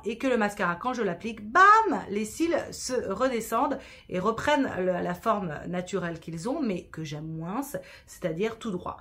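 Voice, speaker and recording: A woman talks her way through a makeup tutorial at a casual, chatty pace. She is often self-deprecating and slips English words into her speech. Her voice sits at an everyday middle pitch. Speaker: beauty vlogger.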